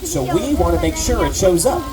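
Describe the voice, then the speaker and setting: A tour guide delivering lively scripted narration with a theatrical, joking manner and mock alarm, outdoors on a tram. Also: mid-range voice, brisk, a loud crowd.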